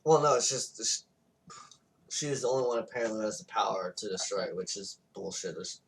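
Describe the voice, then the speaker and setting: A man's voice: fairly low pitch, fairly even intonation, a little fast, fairly bright tone, recorded from a distance, a little hiss or hum. A man co-hosting a podcast, retelling a movie plot in casual, profane chat. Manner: loose, profane retelling with acted-out quotes. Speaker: podcast co-host.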